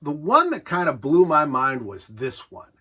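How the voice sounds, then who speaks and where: His pitch fairly high and swinging hugely, a middle-aged American man walks through his vintage gadgets at a slightly slow pace. The tone is fairly bright with a breathy edge, and the show-and-tell is casual, nostalgic and enthusiastically rambling.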